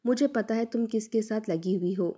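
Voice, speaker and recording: A spiteful, harsh middle-aged aunt, put on by a female storyteller, lashes out in shrill, accusing tirades. The voice sits high and sharp in its scolding, yet keeps a soft, mellow tone underneath. It belongs to a dramatized audio story. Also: natural voice.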